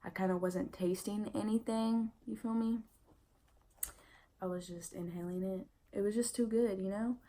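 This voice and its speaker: Young woman vlogger, pregnant and worn out, casual and candid, level monotone delivery. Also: mid-range voice, moderate pace. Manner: chatty and candid, lots of "like" and "I mean" fillers. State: pregnant and tired, yawning. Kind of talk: casual pregnancy update vlog.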